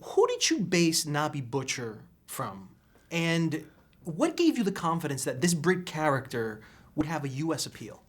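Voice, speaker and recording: A man's voice: a little high, very animated, moderate pace, slightly rough. A man hosting an entertainment interview, asking questions with enthusiasm and laughing easily. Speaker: entertainment show host. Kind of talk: press interview.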